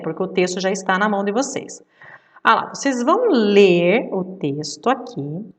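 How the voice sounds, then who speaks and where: A woman's voice: medium pitch, recorded from a distance. A woman teacher giving a remote lesson to children, patient and explanatory, checking often that the class follows. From Brazil.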